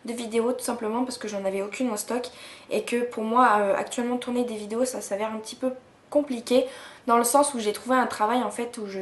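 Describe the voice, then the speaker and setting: A woman's voice: medium pitch, reverberant. A woman in her twenties reviewing beauty products in a chatty vlog, with many fillers and restarts. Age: 20s. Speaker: beauty vlogger.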